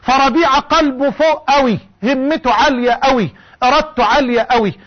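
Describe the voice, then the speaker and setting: A man's voice: very high voice, brisk, lo-fi sound. A man with an Egyptian accent preaching a sermon, impassioned and rhetorical, moving between classical and colloquial speech. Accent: Egyptian Arabic.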